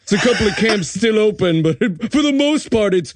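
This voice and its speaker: A man's voice: sits high, a little fast, no echo, studio quality. A man co-hosting a podcast, riffing with crude, sarcastic jokes. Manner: crude, sarcastic, animated joking. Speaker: podcast co-host. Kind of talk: casual comedic banter.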